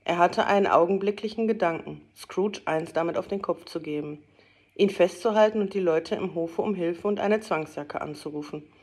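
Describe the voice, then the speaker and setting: A woman's voice: fairly low pitch, normal speed, slightly rough. A woman narrating a classic story as an audiobook, reading expressively and voicing the characters. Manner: lively, voices the characters.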